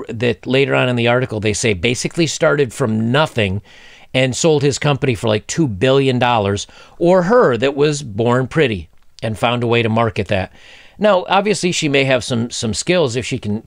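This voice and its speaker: Gravelly, opinionated man in his forties. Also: medium pitch, no room sound, studio quality. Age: 40s. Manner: opinionated, blunt, mocking asides. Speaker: commentator. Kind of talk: casual commentary reading a news story.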